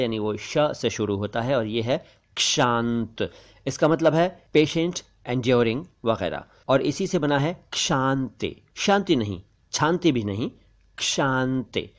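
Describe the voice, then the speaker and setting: A man gives a pronunciation lesson in a measured, mid-pitched voice. He says each word with deliberate care and repeats it, setting wrong and right sounds side by side. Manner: careful, deliberate enunciation, repeating words slowly; contrasts wrong and right sounds, stressing syllables. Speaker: language teacher.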